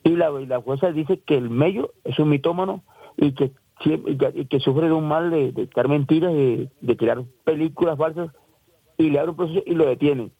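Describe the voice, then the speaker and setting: A man's voice: on the high side, normal speed, husky, no echo. A man in his forties with a Colombian Caribbean coast accent, telling his own story as an interviewee, rambling and restarting, often acting out the voices of others. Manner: rambling, repeats and restarts, acts out quoted voices. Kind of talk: emotional first-person account. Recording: dry, tinny phone-like line.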